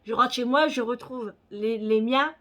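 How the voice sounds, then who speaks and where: Forties woman vlogging, rambly and chatty, lotta fillers, a bit stuffy-nosed, voice on the higher side. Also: measured pace, fairly bright tone. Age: 40s. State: slightly stuffy nose. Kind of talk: casual chat.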